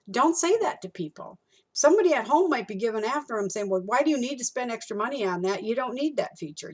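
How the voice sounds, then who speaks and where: A middle-aged woman teaching a college course, talking casually through a textbook chapter and acting out customer exchanges. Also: mid-range voice. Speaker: college instructor. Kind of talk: recorded lecture walking through a textbook.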